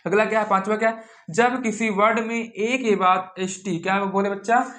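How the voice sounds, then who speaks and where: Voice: medium pitch, fairly even intonation, a bit bright. Echoey teacher drilling pronunciation rules. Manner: drills by asking questions and answering them itself; repeats words slowly to show pronunciation. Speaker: English teacher. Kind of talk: classroom lesson. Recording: echoey room.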